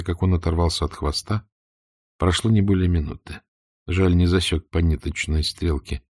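A man with a very low voice reads a novel aloud, steady and unhurried. The recording is close and dry, with no room sound around him. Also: dry recording. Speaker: audiobook reader. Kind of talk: audiobook narration.

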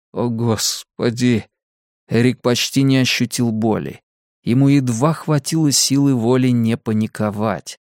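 A male narrator reading a dark thriller in a measured, tense way. His voice sits in a medium pitch. The recording is dry and intimate, close to the mic. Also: no room sound. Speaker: audiobook narrator.

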